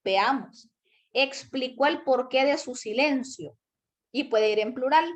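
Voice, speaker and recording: A woman teacher giving an online grammar lesson, explaining step by step and repeating example sentences slowly. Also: high voice.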